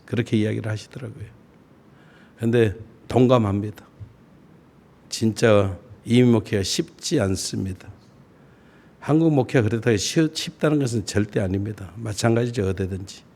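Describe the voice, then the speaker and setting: A middle-aged man preaching a sermon as a pastor, folksy and self-deprecating, with slow deliberate phrasing that rises on key words. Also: lowish voice, a little mellow. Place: church sanctuary.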